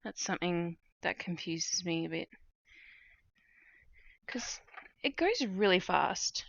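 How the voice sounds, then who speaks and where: A woman with a fairly low, gravelly voice chats casually on a live stream as she stitches at home at night, relaxed and unhurried, thinking aloud with plenty of fillers. She's starting to lose her voice, which sounds a little worn. The audio is dull, with background noise.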